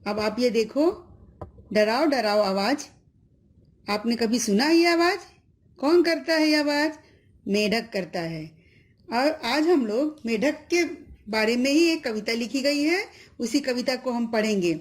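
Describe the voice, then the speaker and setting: A woman's voice: fairly high pitch, animated, unhurried. A middle-aged woman teacher giving an online lesson to children, patiently explaining each word and asking the class questions.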